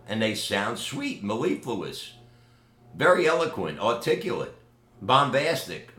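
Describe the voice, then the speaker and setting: A low-pitched, slightly bright voice belongs to an older man from New York City, New York accent and all. Recording at home, he addresses the camera with slow, deliberate, emphatic boasting, while the echoey room carries faint ambient noise.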